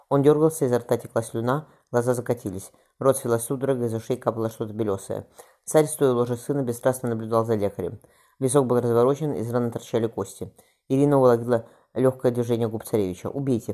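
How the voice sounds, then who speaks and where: A man's voice: medium pitch, mellow. A man reading a historical novel aloud as an audiobook, plainly and with small slips. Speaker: audiobook reader. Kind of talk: audiobook narration.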